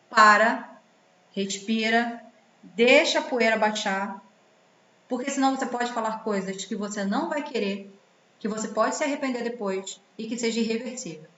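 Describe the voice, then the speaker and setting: A woman giving relationship advice in a commented reading, full of rhetorical questions and acted-out quotes. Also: a little high. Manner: expressive, rhetorical questions, acts out quoted voices. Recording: roomy, slightly dull sound with faint background noise.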